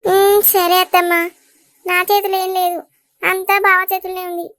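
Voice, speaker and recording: Woman voicing a bashful young cartoon bride, high, bright, slow, dry. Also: flat delivery, no echo. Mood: shy. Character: shy young village bride.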